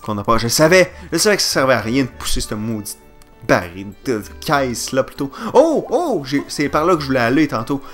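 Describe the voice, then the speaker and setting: A man with a Quebec French accent doing let's play commentary, excitable and jokey, swearing and yelping at the game. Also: medium pitch, brisk, soft background music.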